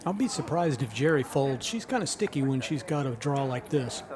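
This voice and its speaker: A man's voice: mid-range voice, big pitch swings, moderate pace, a little mellow. An older man co-commentating a live poker stream with a dry, folksy manner. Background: crowd chatter of a poker room.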